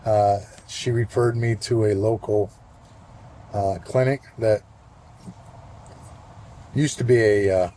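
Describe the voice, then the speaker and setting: A man in his sixties giving a casual vlog check-in outdoors, talking in a relaxed, rambling way with plenty of fillers. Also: fairly low pitch, slow pace, long pauses. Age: 60s. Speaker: vlogger. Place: outdoors, walking and at a golf course.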